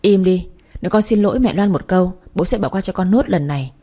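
A woman voicing a harsh, overbearing father who shouts and scolds, in a spoken story. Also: medium pitch, lively intonation, quick pace, slightly rough. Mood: angry. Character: harsh domineering middle-aged father.

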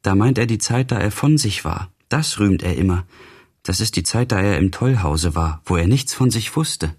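A man's voice: lively intonation, normal speed, darkish tone, slightly rough, full character voice. A man voicing a careworn, pious old mother in an audiobook reading, in a sorrowful, lamenting manner. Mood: pitying. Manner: lamenting, pleading, pitched up.

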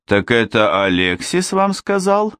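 A man's voice: fairly low pitch, fairly even intonation, measured pace, fairly bright tone, clean tone, no echo, studio quality. A man playing a thundering, imperious widow. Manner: commanding, thundering. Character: imperious, formidable middle-aged widow.

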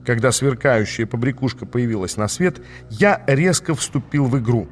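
A male narrator reading a first-person fantasy novel aloud at a middle pitch. His delivery is even and steady, a plain storytelling read. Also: moderate pace, soft background music. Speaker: audiobook narrator.

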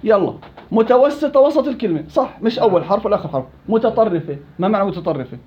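A man's voice: high voice, expressive, fast, lo-fi sound. A man teaching a Quran recitation class, quizzing students by name and teasing them. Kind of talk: interactive classroom lesson.

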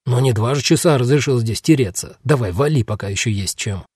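A man voicing a gruff, weary male guard who dismisses people in blunt street slang. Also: mid-range voice, fairly quick, darkish tone, no room sound, studio quality, natural voice. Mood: dismissive.

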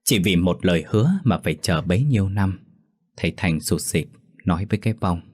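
A man narrating a ghost story in a steady, somber reading. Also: low-pitched, a little fast, slightly rough.

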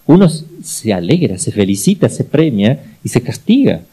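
Middle-aged Argentine male priest, mellow timbre, lively storyteller who repeats for emphasis. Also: mid-range voice, moderate pace, slightly rough, poor audio. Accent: Argentine Spanish. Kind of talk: teaching talk with personal anecdotes.

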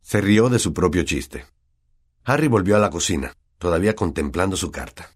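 A male audiobook narrator with a Latin American Spanish accent and a deep, husky voice. He tells the story expressively, with lively rises and falls. The reading is steady and engaging. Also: moderate pace.

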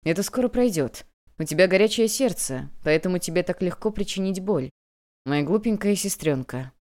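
A woman voicing a young male eunuch who speaks calmly, coldly and mockingly. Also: fairly low pitch, moderate pace, lightly acted. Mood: soothing. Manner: calm, cold, taunting.

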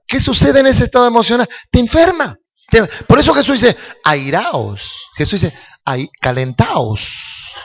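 Un pastor argentino con acento rioplatense que predica un sermón, hace preguntas al público y sube a gritos en las exhortaciones. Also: male voice, fairly high pitch. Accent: Rioplatense Spanish. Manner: preaching with rising, shouting calls to the congregation; jokes and asks the crowd questions. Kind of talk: sermon.

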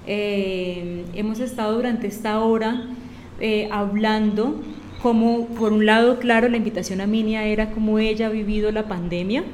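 A woman's voice: mid-range voice, fairly even intonation, normal speed, roomy sound, a little hiss or hum. A woman hosting a live radio program, greeting listeners and summing up the conversation. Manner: warm greetings, reads listener messages. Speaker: radio host.

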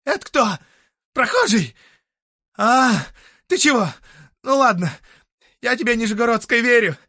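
A man voicing a loud, boisterous drunk peasant who shrieks and blusters. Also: very high voice, sing-song, a little slow, no room sound, clean studio sound, voice pushed up, heavily acted.

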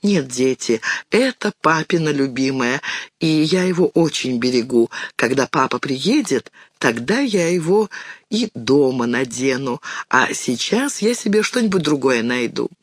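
A male reader voicing a gentle, anxious young mother who fusses over her children in a storybook reading. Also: mid-range voice, sing-song, a little slow, no room sound. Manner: fussing, gently protesting.

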